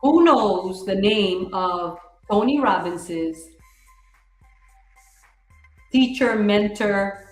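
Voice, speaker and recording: A woman real estate coach giving an energetic, repetitive motivational talk on a livestream, quizzing viewers in the chat. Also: medium pitch, slow, roomy sound, soft background music, poor audio. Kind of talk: live-streamed motivational coaching.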